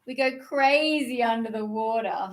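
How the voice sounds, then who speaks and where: This storytime presenter takes her time, her voice pitched fairly high. She reads a picture book to young children in a playful, theatrical, sing-song style and leads action songs.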